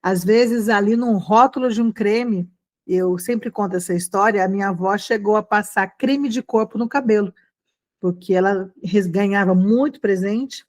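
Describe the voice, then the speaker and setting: Speaking at a normal speed in a medium pitch, a Brazilian woman teaches English online in a conversational style. She keeps the lesson upbeat and supportive, frequently pausing to ask her students quick questions.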